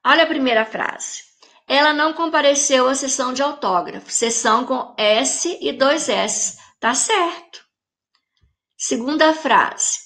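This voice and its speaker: In a recorded grammar lesson for young pupils, a Brazilian Portuguese-accented woman explains each point slowly and with care. She speaks on the high side with a fairly bright tone.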